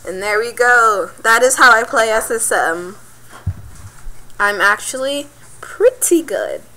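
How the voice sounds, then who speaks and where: A woman with a slightly high voice speaks slowly on a low-quality recording, with clicky keyboard and mouse noise in the background. Hosting a gaming channel, she gives excitable live gameplay commentary, yelping, pleading and cheering as she plays.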